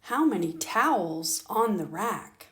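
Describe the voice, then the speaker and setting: Here a librarian with an animated, mid-range voice shares picture books with preschoolers, breaking off to ask them questions. She keeps the storytime delivery gentle and deliberate.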